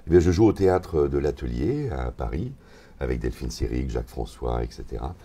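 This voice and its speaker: The guest is an older man in his seventies, a voice actor, who tells stories easily during an interview conversation, gesturing as he goes. He speaks in a rumbling low voice that's a little fast and slightly rough. He's wearing a lapel mic in a hotel lounge.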